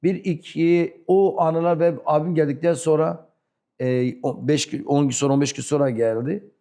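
A man with a fairly high, soft-toned voice recounts his memories in an interview. His Turkish is broken and carries a southeastern accent. He halts, repeats phrases and acts out bits of dialogue as he goes. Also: steady tone, moderate pace. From rural southeastern Turkey. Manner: broken, non-fluent Turkish. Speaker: interview guest. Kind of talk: animated personal storytelling.

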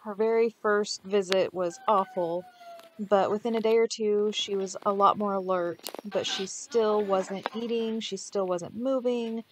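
A woman's voice: medium pitch, steady tone, measured pace, a little hiss or hum. A woman narrating a dog rescue clinic vlog in an earnest, heartfelt voice-over.

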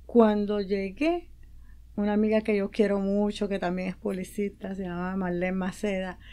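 Mellow-voiced woman telling a personal story. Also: mid-range voice, fairly even intonation, moderate pace, clear, resonant tone. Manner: emotional storytelling, acts out quoted dialogue. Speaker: guest, promoter and publicist. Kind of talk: casual interview talk. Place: radio studio.

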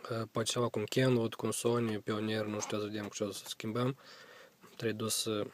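A man's voice: on the low side, flat delivery. A young man with a Moldovan accent, filming a casual car walkthrough vlog on his phone inside a parked car, talking in a rambling, hesitant way with many fillers. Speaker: vlogger. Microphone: handheld phone camera.

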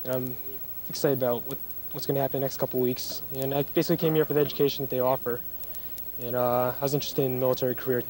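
A young man, an incoming cadet, talking in a rushed way with fillers. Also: medium pitch, level tone, mellow. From United States. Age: young adult. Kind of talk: short interview.

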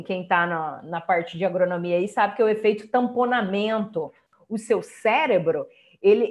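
A Brazilian Portuguese-speaking woman giving an online lecture as an English teacher, explaining step by step and checking in with listeners. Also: medium pitch. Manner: explanatory, chatty, many checking tags like "tá?" and "ó".

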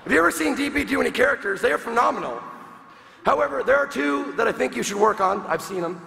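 A man's voice: extremely high pitch, lively intonation, quick pace, vocal fry, bright, forceful tone. A man performing a comedy roast on stage, firing off mocking punchlines and laughing at his own jokes. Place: large convention hall with live crowd. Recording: echoey hall, noisy crowd.

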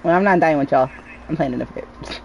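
A woman's voice: deep voice, racing, gravelly, a little mellow, highs cut off, slight background noise. A young woman streaming a video game, chatting casually, giggling often and breaking into sing-song bits. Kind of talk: casual gaming chat.

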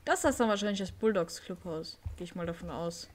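A woman's voice: fairly low pitch, expressive, fairly quick. A woman casually commenting while playing a horse-riding game, thinking aloud. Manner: chatty, thinks aloud with fillers. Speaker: let's play host.

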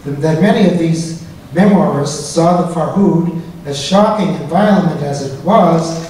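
A man's voice: a little high, darkish tone, a little hiss or hum. Man reading a lecture in an echoey hall. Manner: measured, academic delivery. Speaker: guest lecturer. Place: lecture hall stage, at a podium. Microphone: lapel mic and podium mic. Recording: echoey hall, slightly distant.

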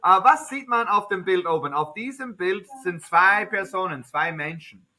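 A man who is not a native speaker of German teaches a beginner high-school class in a classroom, asking simple questions again and again and answering them himself. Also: lively intonation, normal speed, pushed and bright. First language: English. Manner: simple repeated questions to students, self-answering.

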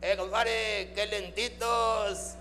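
A man's voice: high-pitched, fairly even intonation, drawn-out words, creaky, pushed and bright, in a large hall, slight background noise, full character voice. A man voicing a foul-mouthed male puppet who roasts the crowd with vulgar jokes, in a Mexican accent. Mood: mocking. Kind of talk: live ventriloquist comedy.

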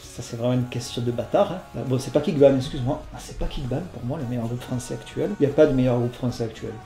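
A man's voice: medium pitch, fast, vocal fry, warm tone, reverberant, faint music behind. A man hosting a casual question-and-answer video, talking hesitantly with lots of fillers and apologies. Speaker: channel host answering viewer questions. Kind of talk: casual FAQ video chat.

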